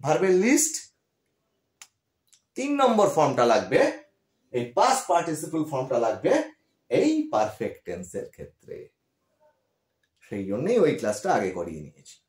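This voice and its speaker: A man's voice: mid-range voice, sing-song, normal speed, long pauses, a little mellow. A man with a West Bengal Bengali accent teaching a grammar lesson, patiently repeating key words and often checking that students follow. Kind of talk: classroom-style grammar lesson. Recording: echoey room.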